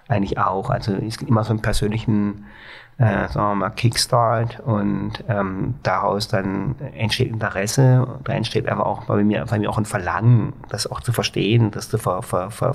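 Man, Baden accent, gravelly voice, flat tone, halting speech. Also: lowish voice. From Baden-Baden, Germany. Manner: hesitant, many fillers and restarts. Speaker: guest, exhibition founder. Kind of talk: reflective interview talk.

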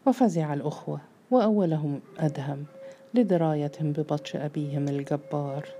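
امرأة تروي رواية بقراءة متزنة منتظمة. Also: female voice, low-pitched, fairly quick, warm tone, faint music behind. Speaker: narrator. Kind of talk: scripted narration of a novel.

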